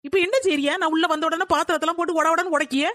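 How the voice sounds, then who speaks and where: Cartoon young daughter-in-law, defensive and hot-headed, played by a woman; high voice, rapid lines. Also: fairly even intonation, fairly bright tone, no echo, clean studio sound. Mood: indignant. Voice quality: indignant, arguing back. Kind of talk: cartoon voice acting.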